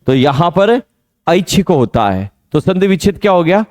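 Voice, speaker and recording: A man teaching Hindi grammar in an exam coaching lesson, quizzing students on pronunciation and drawing out key words slowly. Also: sits high, very animated, a little mellow, dry recording, studio quality. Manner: drills pronunciation with repeated questions to students.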